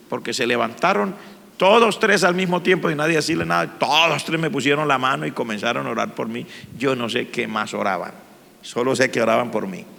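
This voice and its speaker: A man's voice: medium pitch, creaky, bright, forceful tone, in a large hall. A man, a pastor telling his personal testimony in church with an earnest, emotional manner. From Colombia.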